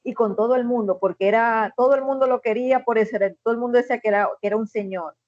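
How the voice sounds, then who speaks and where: A woman telling a personal story in a casual conversation, with many restarts and pauses, over a video call. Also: fairly high pitch, steady tone, a little mellow, no echo, dull audio. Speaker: guest. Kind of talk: casual chat.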